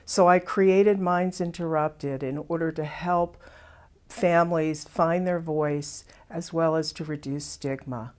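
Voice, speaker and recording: A woman who founded a theater program, calmly and earnestly explaining how it began and what it does. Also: low voice, slow pace. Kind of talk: interview narration.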